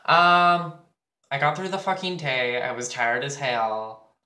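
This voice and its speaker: Slow-talking teenage boy in an echoey room. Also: mid-range voice, animated, pushed and bright. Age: teens. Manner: candid, crude and chatty with many fillers. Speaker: vlogger. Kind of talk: casual vlog while getting ready.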